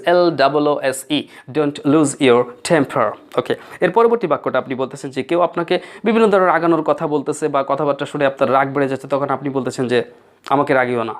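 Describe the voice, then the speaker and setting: A Bengali-speaking man teaching spoken English phrases, saying each one slowly and spelling words out letter by letter. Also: on the high side.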